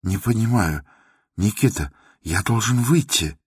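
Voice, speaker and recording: An actor plays a timid aging male doctor, trembling and pleading in a husky, lowish voice. It is a radio drama recorded close and dry. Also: animated, measured pace, no echo, full character voice. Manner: pleading, shaky.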